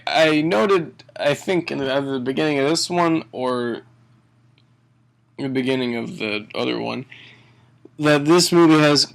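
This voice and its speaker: Male, tipsy amateur film reviewer: slow, gravelly, rambling, sweary, chuckles through his own jokes. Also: medium pitch, fairly bright tone. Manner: tipsy, drunken rambling delivery; halting, sweary, often chuckling mid-sentence. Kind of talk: casual comedic movie review.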